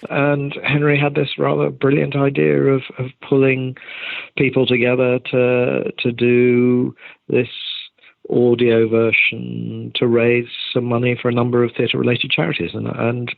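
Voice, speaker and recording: An older man, a theatre director, answers interview questions over a remote call in a measured, gravelly, monotone voice of medium pitch. He speaks conversationally and discursively, with many qualifications. The line sounds tinny and phone-like, with a roomy echo.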